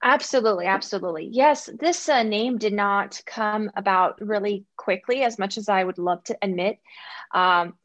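A young adult woman speaks as an interview guest, enthusiastic and earnest about her coaching work. Her pitch sits in the middle range. The recording is dry and close, with no room sound. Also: normal speed, a bit bright, no room sound. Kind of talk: casual interview talk.

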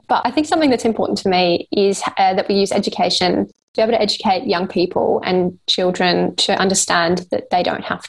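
Earnest woman with a gravelly edge. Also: mid-range voice. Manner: earnest, thoughtful, with frequent "like" and restarts. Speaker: guest author. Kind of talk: conversational interview.

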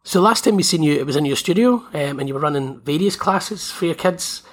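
A man's voice: on the high side, fairly quick, no room sound. A man co-hosting a casual podcast, chatting in an easygoing, self-deprecating way. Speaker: podcast co-host.

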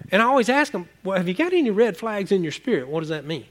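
High-voiced preaching man. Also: very animated, a bit bright. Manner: conversational preaching, repeats words, quick asides to the congregation. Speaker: pastor. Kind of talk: sermon. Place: church.

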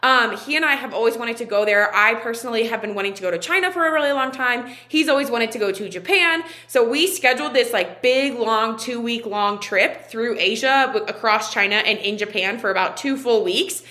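A woman's voice: a little high, fairly quick, hardly any pauses, bright, forceful tone. A woman in her twenties hosting her own podcast, talking in a chatty, candid way with frequent fillers. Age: 20s. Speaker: podcast host and online wellness coach. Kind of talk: casual solo podcast talk.

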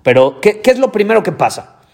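A man's voice: high voice, very animated, brisk, gravelly, darkish tone. A man hosting a podcast. He gives a motivational monologue with emphatic delivery, repeats key phrases and swears casually. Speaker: podcast host.

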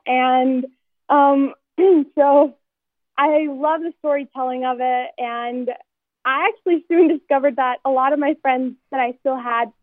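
A woman's voice: high voice, dry recording. Chatty young woman on a tinny phone line. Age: 20s. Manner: chatty, upbeat, storytelling. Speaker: singer guest. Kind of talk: phone-in radio interview.

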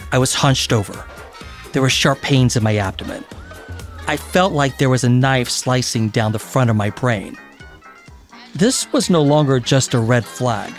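A middle-aged actor narrating his own story in a measured, reflective way with a wry edge. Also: mid-range voice. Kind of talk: scripted memoir narration.

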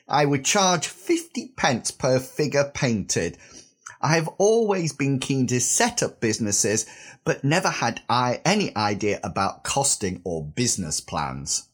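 A British man in his fifties with a slightly husky voice, recovering from a sore throat, hosting a podcast in a scripted style. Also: medium pitch. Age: 50s. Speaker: podcast host.

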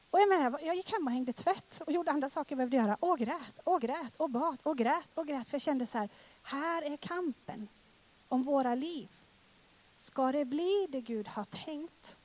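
Woman in her 30s preaching, fairly high voice, emotional, gets loud then goes all hushed. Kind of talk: personal testimony sermon.

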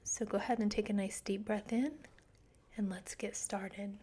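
A woman leading a guided meditation in a soft, breathy near-whisper, speaking slowly and gently. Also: medium pitch, steady tone. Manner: slow, gentle, hushed delivery. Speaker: podcast host and meditation guide.

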